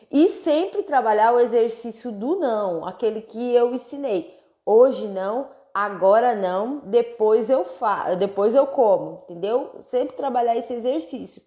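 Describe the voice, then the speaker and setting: A woman's voice: on the high side, a little mellow, reverberant. A woman with a Brazilian Portuguese accent, a weight-loss coach talking casually on a live stream, earnest and checking in with listeners. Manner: earnest, keeps checking in with "entendeu?".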